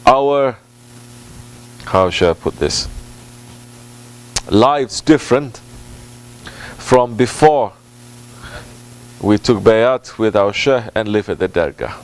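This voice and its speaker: A man acting as a Sufi religious teacher answers a question in an informal sermon, with deliberate, halting phrasing and repetition for emphasis, mixing Arabic and Turkish devotional phrases into his English. His lowish voice is smooth, though the recording is rough.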